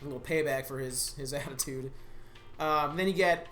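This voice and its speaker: A man's voice: medium pitch, fairly even intonation, normal speed, fairly bright tone, reverberant, soft background music. A man co-hosting a casual movie review chat, laid-back, swearing often and laughing through his lines. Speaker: podcast co-host.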